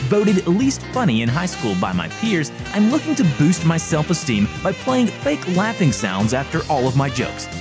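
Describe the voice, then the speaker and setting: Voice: mid-range voice, wildly swooping pitch, moderate pace, few pauses. Sing-song intro announcer over guitar music. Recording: clear guitar music behind the voice.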